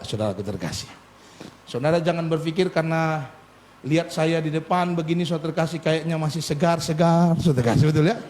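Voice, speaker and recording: A middle-aged man preaching a sermon as a pastor, animated and humorous, with frequent asides to the congregation. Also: on the high side, a little hiss or hum. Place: church.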